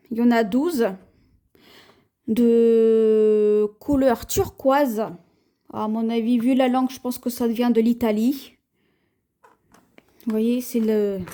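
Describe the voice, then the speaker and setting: A French woman talks through her shopping haul at an easy, unhurried pace, pausing often with fillers. Her voice sits high but sounds soft and mellow. It has the homey feel of a casual vlog. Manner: slow, chatty, hesitant with many fillers. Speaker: haul vlogger. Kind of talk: casual haul video, showing items to camera.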